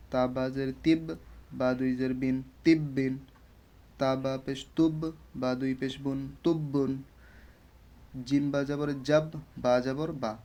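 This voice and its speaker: A man's voice: medium pitch, mellow. A male teacher giving a patient Quran reading lesson, spelling out syllables one by one and often checking that the learners follow. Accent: Bangladeshi Bengali. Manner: slow syllable-by-syllable drilling, repeated check-in questions.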